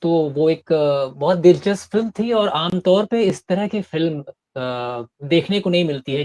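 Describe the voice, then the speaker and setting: A man poses a long, carefully framed question to the guest. He speaks in a measured way at an ordinary pitch, with small hesitations along the way. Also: darkish tone. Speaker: interviewer. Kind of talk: formal interview question.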